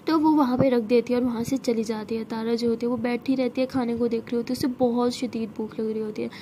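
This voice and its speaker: A woman telling a love story in a chatty, relaxed way. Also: fairly high pitch, fast talker, slight background noise. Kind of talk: casual story narration.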